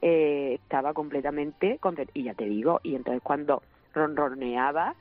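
A woman calling into a radio show, slightly hoarse from a cold, telling a chatty, rambling story. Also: deep voice, normal speed, faint music behind. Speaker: radio caller. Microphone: telephone. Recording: dull phone line.

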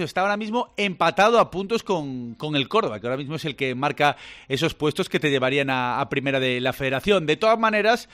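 Slightly high-voiced Spanish sports reporter, male. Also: a bit bright. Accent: Spanish from Spain. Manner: conversational.

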